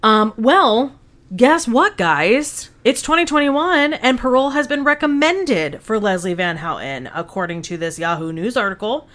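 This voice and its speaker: A woman's voice: on the high side, expressive, a little slow, a bit bright. A woman co-hosting a casual podcast, chatting with lots of fillers and giggles. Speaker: podcast co-host. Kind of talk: casual chat.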